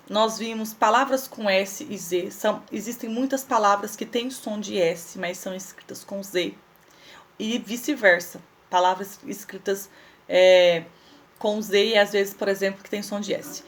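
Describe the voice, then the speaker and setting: A woman teaching young children in a recorded lesson, patiently spelling out words and asking questions she answers herself. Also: medium pitch. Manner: patient, explains slowly and spells things out, asks questions and answers them herself. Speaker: primary school teacher.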